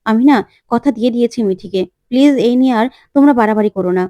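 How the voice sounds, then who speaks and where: A woman's voice: a little high, racing, warm tone, no room sound, close to an everyday voice. A woman voicing an earnest young fiancé. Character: young man, caring fiancé, insistent.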